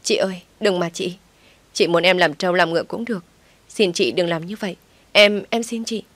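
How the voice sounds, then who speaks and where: A woman's voice: lowish voice, steady tone, normal speed, fairly bright tone, no echo. A woman voicing a frightened young mistress who stammers and pleads for mercy. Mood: begging.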